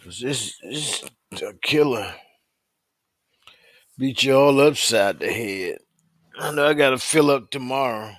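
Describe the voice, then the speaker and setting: A man in his fifties chats casually with strangers he meets online. His drawl is unhurried and he often says the same thing twice. His voice is at a middle pitch and sounds dry and close to the mic. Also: animated, a bit bright, no room sound. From United States. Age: 50s. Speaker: host of a live video chat. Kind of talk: casual chat.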